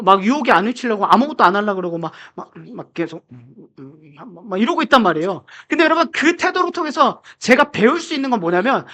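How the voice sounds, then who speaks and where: A man gives a casual sermon at a rapid clip. His pitch leaps up and down as he talks. He preaches in a chatty, animated way, packed with fillers. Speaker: pastor.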